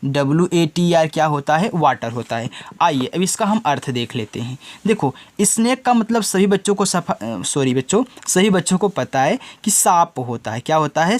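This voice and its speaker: Guy teaching kids, spells words out slow, kinda high voice. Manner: spells words letter by letter slowly, repeats answers. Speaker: English teacher. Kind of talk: teaching lesson to children.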